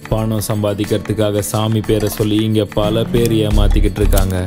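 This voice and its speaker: An actor dubbing a jaded bookie who drinks and gambles, speaking in a weary, brooding, cynical way. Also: male voice, on the low side, little pitch movement, moderate pace, natural voice. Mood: reflective. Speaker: lead character in a dubbed film. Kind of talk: dubbed film dialogue and voice-over narration. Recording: film soundtrack with music behind.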